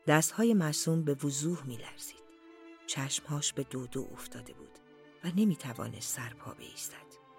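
An audiobook narrator reading a literary story in a slow, deliberate storytelling manner, at times dropping to near-whispers. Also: medium pitch, animated, gravelly, faint music behind.

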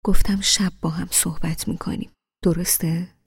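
A woman reading an audiobook, voicing a young husband who reasons with his wife in a soft, hushed voice. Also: fairly low pitch, flat delivery, gravelly, slightly rough, dry recording, studio quality, full character voice. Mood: reproachful. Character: patient young husband, calm and reproachful.

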